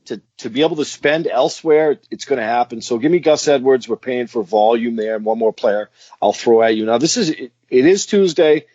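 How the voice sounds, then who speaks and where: A man's voice: medium pitch, lively intonation, a little fast, darkish tone, husky, no room sound, lo-fi sound. A man co-hosting a fantasy football podcast, calling out his picks in a casual, enthusiastic chat. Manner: enthusiastic, repeats picks with "give me".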